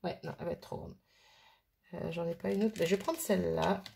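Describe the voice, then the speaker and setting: A woman's voice: fairly low pitch, fairly even intonation, brisk, creaky, darkish tone, a little hiss or hum. A woman casually thinking aloud as she works on a craft project, chatting and muttering to herself at her worktable. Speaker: crafting vlogger.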